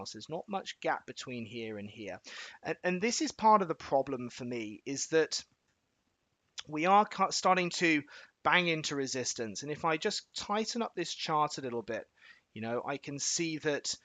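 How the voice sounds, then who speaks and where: A man's voice: a little high, fairly bright tone, no room sound. Chatty man walking through charts, dry sound. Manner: quick, chatty, explains step by step and checks in with viewers; folksy analogies and filler-laden restarts. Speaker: trading educator hosting a live webinar. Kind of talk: live educational chart walkthrough.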